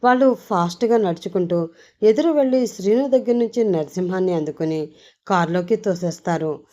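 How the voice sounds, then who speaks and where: A woman's voice: fairly low pitch, normal speed, muffled recording. A woman hosting her channel and narrating a serialized story, expressively acting out its characters. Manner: expressive, switches voices for characters.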